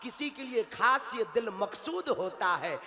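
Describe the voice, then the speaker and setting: A male preacher giving a devotional sermon, telling a story with animated delivery and bursts of shouted emphasis. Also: very high voice, measured pace. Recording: long hall reverb with faint music.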